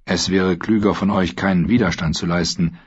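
A proud, cynical captive knight speaks in a dry, sardonic tone, quiet and low, as a male narrator plays him. The voice is husky, and the recording is dull and lo-fi. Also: steady tone, moderate pace.

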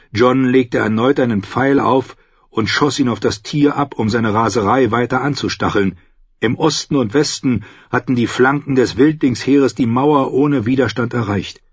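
Male audiobook narrator for fantasy, husky tone, dry close mic with a slightly dull sound. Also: medium pitch, dry recording. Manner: steady storytelling with loudly shouted battle commands.

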